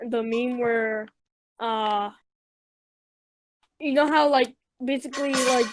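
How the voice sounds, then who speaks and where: Brief: young woman from Mexico, high voice, rambling podcast co-host. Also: takes it slowly, slight background noise. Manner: rambling, tangent-prone, full of fillers. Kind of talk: casual chat.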